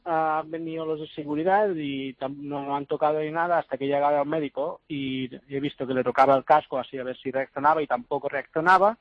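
A man, a photographer, describing what he saw as an eyewitness over the phone, in halting speech with many restarts. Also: on the high side, fairly even intonation, no room sound. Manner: halting, restarts words, plain retelling. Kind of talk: eyewitness account. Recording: muffled lo-fi line.

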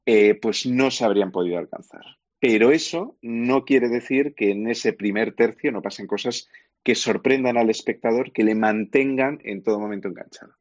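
A man's voice: medium pitch, moderate pace, no echo, highs cut off. A man with a Castilian Spanish accent giving an explanatory, opinionated review in a conversational radio segment. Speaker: television and film reviewer.

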